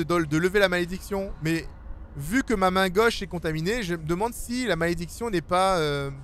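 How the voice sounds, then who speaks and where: Guy with a high voice doing a chill let's play, cracking jokes at the game characters. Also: fairly bright tone. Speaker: gaming YouTuber. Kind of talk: casual let's-play commentary.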